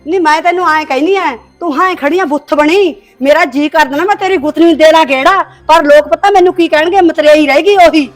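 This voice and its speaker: Actress as a sharp-tongued scolding stepmother, high voice, Punjabi accent, faint music under it. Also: brisk, few pauses, natural voice. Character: harsh scolding stepmother, middle-aged village woman. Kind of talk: village short-film acting.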